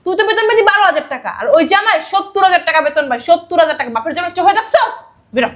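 A woman playing a scornful, greedy middle-aged mother-in-law who scolds and shouts orders in a web drama. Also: very high voice, sing-song, quick pace, roomy sound, heavily acted. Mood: scolding. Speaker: actor. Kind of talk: low-budget web drama acting.

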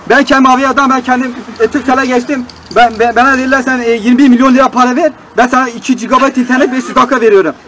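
A young man playing a naive, aggrieved customer on a prank call, halting and repetitive, pleading in broken grammar. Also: extremely high pitch, slight background noise. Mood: insistent, indignant. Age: young adult.

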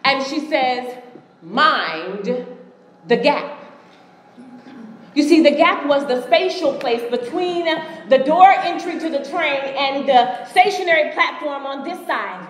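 With a high-pitched voice at a measured pace and few pauses, a US woman gives a motivational speech at a conference. She tells a story and addresses the crowd directly. The large conference hall is echoey, with long reverb.

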